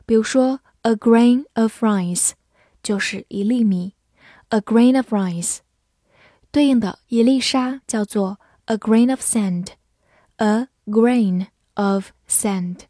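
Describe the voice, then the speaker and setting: Slow, dry-voiced woman teaching English words. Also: on the high side, dark tone, dry recording. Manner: spells words letter by letter and reads example sentences slowly. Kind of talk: vocabulary lesson.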